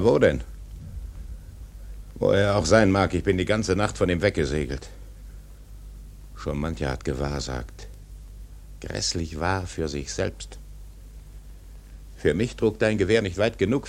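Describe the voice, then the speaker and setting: Gravelly old whaling captain, very deep. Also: male voice, a little mellow, full character voice. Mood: agitated. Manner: slow, brooding, dramatic. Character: obsessed, doomed old whaling captain, brooding and commanding. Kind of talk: radio drama acting.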